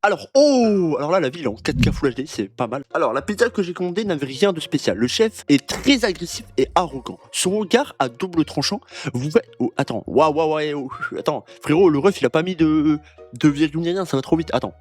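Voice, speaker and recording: A man's voice: on the high side, fairly quick. Young guy reacting to reviews, slangy and jokey, voice jumps around a lot, light music underneath. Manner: joking, slangy, animated, talks to viewers. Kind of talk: casual reaction commentary.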